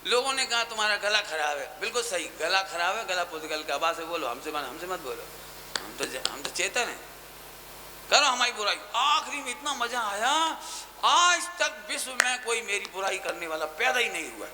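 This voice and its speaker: A man delivers a Jain sermon with a very bright, piercing tone. He is animated and fires off rhetorical questions, then drops into quieter asides. A faint hiss sits under the recording. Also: high-pitched, normal speed, poor audio. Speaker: Jain preacher. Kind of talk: religious discourse at a camp. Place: gathering hall with audience.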